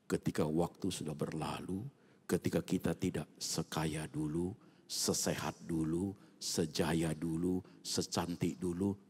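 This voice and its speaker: A male pastor preaches at an evening church service in a low, gravelly, deeply husky voice. He speaks casually and keeps turning to the congregation with direct asides. His delivery jumps from loud bursts down to hushed near-whispers. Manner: colloquial, with frequent asides to the congregation. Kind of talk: sermon.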